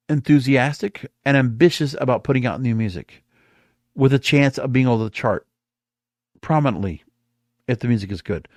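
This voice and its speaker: Here the American podcast host has a mid-range, darkish voice captured in a dry, studio-quality recording. He delivers opinionated solo takes on the music industry, stressing points emphatically by stretching his words.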